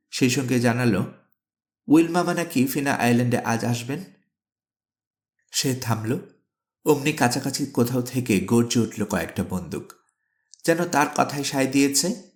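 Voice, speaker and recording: A man narrating an adventure storybook in a steady, dramatic storytelling manner. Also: medium pitch, unhurried, long pauses. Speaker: audiobook narrator. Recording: echoey room.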